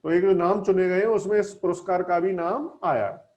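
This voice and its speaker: High-voiced man teaching English vocabulary. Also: fairly even intonation, normal speed, darkish tone. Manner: explains words and quizzes students with questions. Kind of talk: newspaper vocabulary lesson. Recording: dull lo-fi sound.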